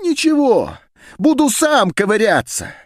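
A man's voice: high-pitched, big pitch swings, takes it slowly, no echo, studio quality, voice pushed up, full character voice. A man reading an audiobook, voicing a heated, defiant male scientist who argues in declamatory outbursts. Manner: heated, declamatory, rising to shouts. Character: agitated male geneticist defying a meeting. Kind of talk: audiobook character voice.

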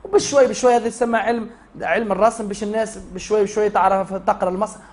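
Tunisian guy teaching quran class, talks fast, keeps asking then answering his own questions. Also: sits high, steady tone. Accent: Tunisian Arabic. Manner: asks students questions and answers them himself. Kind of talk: classroom lesson.

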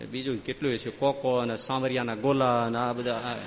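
A man's voice: medium pitch, flat delivery, normal speed, big-room sound, heavy background noise. A man giving a devotional sermon, telling stories and reeling off long spoken lists. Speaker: preacher.

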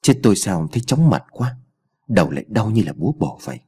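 A woozy forest guide weakly complains that his head is pounding, in an audiobook story, voiced by a male narrator. His voice is low, husky and dry-sounding. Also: big pitch swings, quick pace, mellow, exaggerated voice. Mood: unwell. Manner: weak, complaining.

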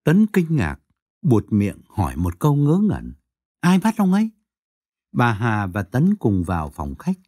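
A male storyteller reads an audiobook tale with a wide, swooping pitch. His voice is dark and slightly husky, recorded close and dry with no room sound. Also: huge pitch swings, a little slow, no echo. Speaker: narrator.

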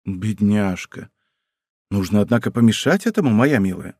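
A man's voice: fairly low pitch, expressive, moderate pace, a little mellow, husky, dry recording, clean studio sound, voice pushed down. A man doing a sly scheming young courtier. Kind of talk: audiobook character voice.

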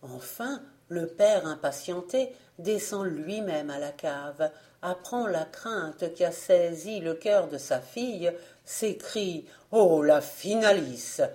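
A woman reading a folk tale aloud as an audiobook narrator, gentle and even. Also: lowish voice, takes it slowly. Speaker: audiobook reader.

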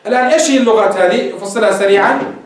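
Male teacher, brisk classroom lecture, heard from far off in a very echoey room. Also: high voice. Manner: explains step by step, quizzing students. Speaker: teacher of Arabic grammar.

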